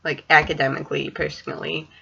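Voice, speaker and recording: Her voice is deep, creaky, and sharp with a breathy edge, delivered at a quick pace in a level tone. She is a special education student teacher in her twenties with a speech impediment that turns r into w, rambling hesitantly in a casual vlog in a small room at home. Recorded on a webcam or computer mic at desk distance, the audio sounds dull.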